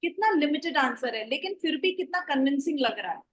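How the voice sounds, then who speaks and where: A woman's voice: sits high, lively intonation, fast talker, low-quality recording. A woman teaching an online class, mixing Hindi and English as she explains and gives instructions.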